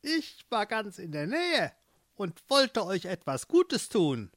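A narrator doing a scheming old witch from a storybook, who speaks with false friendliness and stays hard underneath. The voice sits high above the reader's own and swoops widely. The delivery is slow and deliberate. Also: very animated, fairly bright tone. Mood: falsely sweet. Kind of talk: storybook reading.

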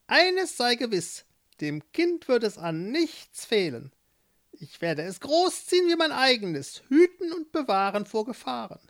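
Smug old witch, high and sweetly sly; a woman puts her on. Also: sing-song, a little slow.

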